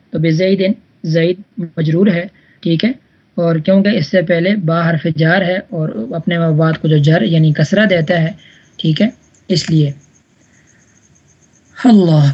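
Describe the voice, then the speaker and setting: A woman's voice: fairly low pitch, a little mellow, breathy edge. A woman teaching an Arabic grammar class online, patiently repeating examples and checking that students follow. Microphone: online voice chat room.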